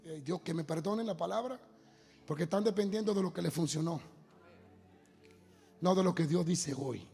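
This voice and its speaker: High gravelly guy preaching, gets shouty and singsong, long hall echo. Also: normal speed, pauses often. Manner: builds to loud, sung shouting. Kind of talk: sermon. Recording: long hall reverb, faint music.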